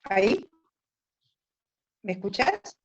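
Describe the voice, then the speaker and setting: A woman's voice: medium pitch, very animated, slow pace, breathy edge, lo-fi sound. A woman speaking on a video call whose audio keeps breaking up, checking hesitantly whether she can be heard. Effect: choppy, breaking-up video call audio. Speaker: panel speaker. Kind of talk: greeting a video meeting.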